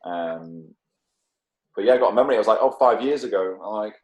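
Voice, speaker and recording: A man's voice: on the low side, lively intonation, brisk, dull audio. A man in his mid-thirties from the UK, hosting a casual podcast chat with lots of swearing and laughter. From United Kingdom. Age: 30s. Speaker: podcast host.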